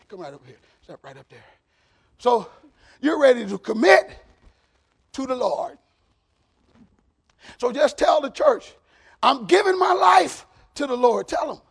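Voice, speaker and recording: A man preaching a sermon in church, animated and joking, shouting out to the congregation. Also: extremely high pitch, creaky, slightly rough. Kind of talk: lively sermon.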